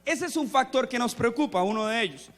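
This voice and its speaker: A man's voice: very high-pitched, fairly quick. Man preaching in an echoey hall. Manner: storytelling, animated, quizzes the audience. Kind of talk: sermon to young people with acted anecdotes. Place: church or seminar hall.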